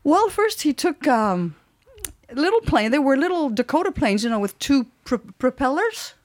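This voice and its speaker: An older woman from Tunisia speaks as a guest on a radio show. She tells her story in a thoughtful, hesitant way, pausing to find her words. The room around her sounds dry, with no echo. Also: sits high, very animated. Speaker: interview guest. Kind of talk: radio interview.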